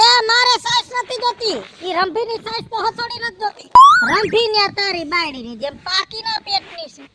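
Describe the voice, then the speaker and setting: A man playing a sharp-tongued old village aunt who scolds and lectures her nephew in a comedy skit. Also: very high-pitched, moderate pace, exaggerated voice. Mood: scolding. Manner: scolding, preachy advice. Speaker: comic actor.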